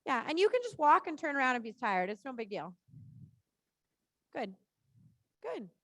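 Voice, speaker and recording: A woman's voice: high-pitched, big pitch swings, moderate pace, fairly bright tone, no room sound. A woman working as a riding coach, calling out short, repeated cues live in an encouraging, informal and reassuring way.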